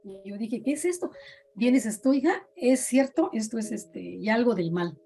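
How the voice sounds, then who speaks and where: Middle-aged Mexican woman, dramatic teller of personal scary tales, mellow and a little high. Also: expressive, normal speed, vocal fry. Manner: dramatic storyteller, acts out quoted voices. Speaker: podcast guest sharing experiences. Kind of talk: casual storytelling chat.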